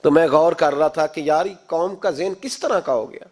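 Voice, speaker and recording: A man preaching a sermon, passionate, asking the listeners rhetorical questions and rising sharply in force. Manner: impassioned, rhetorical questions, sudden rises in pitch and force.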